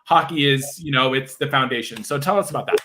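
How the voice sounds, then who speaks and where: A man from Newfoundland hosting an interview, enthusiastic and halting as he asks questions. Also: mid-range voice, pushed and bright, a little hiss or hum. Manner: enthusiastic and halting, with many fillers and restarts. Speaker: host. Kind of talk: casual interview chat.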